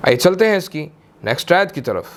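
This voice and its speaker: A young man with a Pakistani Urdu accent teaches Quran recitation, patiently explaining and repeating words slowly to model their pronunciation, with slow melodic recitation between explanations. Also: on the high side, sing-song, a little hiss or hum. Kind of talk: tajweed lesson, explaining and demonstrating.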